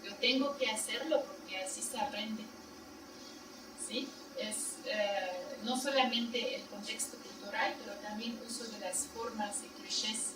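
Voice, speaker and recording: A woman lectures at a university seminar in Spanish, her second language, explaining things in plain steps and checking in with "¿no?" and "¿sí?". Her voice is medium-pitched, steady and a little slow. A distant room mic in the echoey seminar room picks up loud noise.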